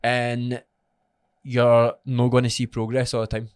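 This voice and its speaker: A man's voice: medium pitch, completely flat delivery, a little slow, smooth, no echo, clean studio sound. A man with a broad Scottish accent co-hosting a fitness podcast as a trainer, chatting casually, blunt, sweary and encouraging.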